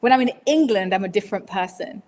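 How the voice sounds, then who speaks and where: A Zimbabwean woman in her forties, guesting on a podcast, answers casual interview questions loosely and hesitantly, full of fillers and restarts. She talks fast in a mid-range, slightly mellow voice, and the recording has a big-room sound.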